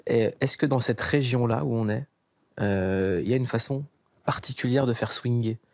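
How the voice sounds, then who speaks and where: Male interview host, mid pitch, playful and teasing, dry close-miked sound. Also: normal speed, no echo. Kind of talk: casual interview.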